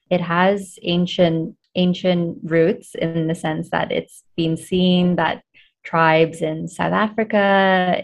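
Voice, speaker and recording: A woman guest in an interview, a coach explaining her work in a thoughtful, measured way. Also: on the low side. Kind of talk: conversational interview.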